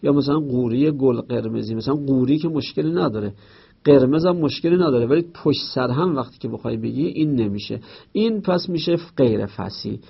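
Gravelly-voiced man teaching rhetoric. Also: medium pitch, highs cut off. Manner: explains with everyday examples and reads out Arabic text. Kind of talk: explaining a rhetoric textbook.

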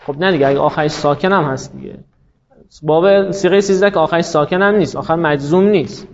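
A man's voice: on the high side, slight background noise. A man teaching a class, explaining step by step and asking rhetorical questions that he answers himself. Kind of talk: classroom lecture. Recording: dull lo-fi recording.

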